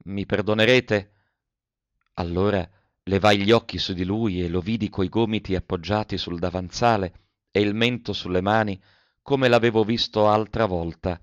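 A man reading a first-person letter novel aloud with emotional, lingering delivery and soft pauses. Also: fairly low pitch, steady tone, no echo. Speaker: audiobook reader. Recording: dull, dry lo-fi audiobook recording.

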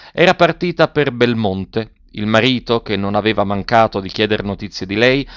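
A man narrating a novel as an audiobook, in a measured, even way, in a dull lo-fi recording. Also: fairly low pitch, no room sound.

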